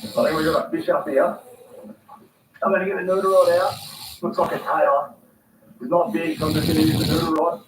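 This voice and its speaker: Man, high voice, excitable fishing vlogger, distant echoey outdoor recording with background noise. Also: a little fast, pauses often. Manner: excitable, exclaiming loudly, slangy. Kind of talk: casual outdoor fishing commentary. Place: outdoors by the water.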